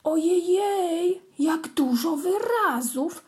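A woman's voice: high voice, lively intonation, slow pace, heavily acted. A woman voicing a curious, easily offended little male kitten in a children's story reading, childlike and eager.

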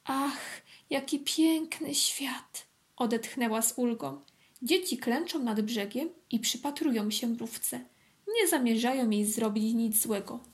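A woman calmly and gently reading a children's story aloud. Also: on the high side, unhurried. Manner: calm, clear, gently expressive.

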